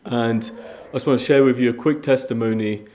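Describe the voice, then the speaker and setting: A young Iranian man speaks to a congregation as a guest preacher, giving a sermon built around his personal testimony. His mid-range, warm voice is brisk with fairly even intonation, and his earnest, conversational delivery stumbles into restarts and fillers.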